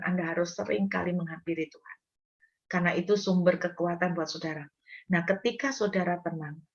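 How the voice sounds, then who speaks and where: A woman preacher delivers a sermon, speaking straight to the congregation in an earnest voice. She leans hard on key words, then drops to softer asides. The recording sounds a little dull and lo-fi. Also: lowish voice.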